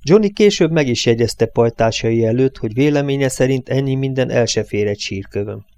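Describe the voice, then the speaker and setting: A man reading a novel aloud as an audiobook narrator, with steady, measured storytelling. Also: medium pitch, no echo. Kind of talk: scripted literary narration.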